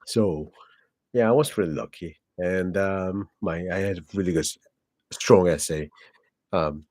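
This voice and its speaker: In this clean, echo-free studio recording, a South Korean channel host in his forties talks through a laid-back personal vlog. His voice is low, a bit darkish, and somewhat slow, and his Korean-accented speech, from a native Korean speaker, wanders with frequent fillers and corrections of himself.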